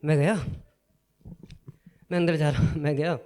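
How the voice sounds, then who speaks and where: Young male stand-up comic, mellow tone, casual animated storyteller who acts out dialogue. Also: a little high, unhurried. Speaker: stand-up comedian. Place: live comedy stage.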